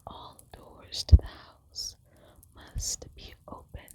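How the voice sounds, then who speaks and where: Woman, breathy unvoiced whisper, hushed librarian manner, slow pace, measured ASMR fact reading. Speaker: ASMR presenter.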